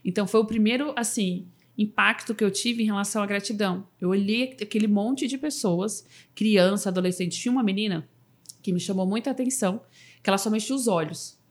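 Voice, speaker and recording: A motivational speaker tells her own story in an informal podcast interview, voice medium in pitch and a little fast. Emotion breaks through as she restarts sentences and drops fillers like "sabe assim."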